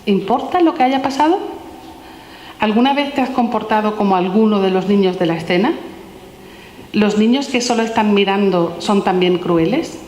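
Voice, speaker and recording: Woman presenting, asks questions to the audience one after another, mid-pitched voice, echoey hall. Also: moderate pace, a little hiss or hum. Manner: asks a steady stream of gentle questions. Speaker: author presenting her book. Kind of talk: reading aloud questions from a children's philosophy book. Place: large echoey room at a public talk. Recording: roomy hall with long reverb.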